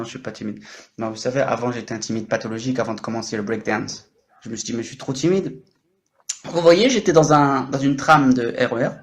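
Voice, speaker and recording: A man in his late thirties chatting on an improvised livestream, very talkative, jumping between topics, teasing his viewers and joking about himself. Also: medium pitch. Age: 30s. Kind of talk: casual improvised livestream chat. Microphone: microphone.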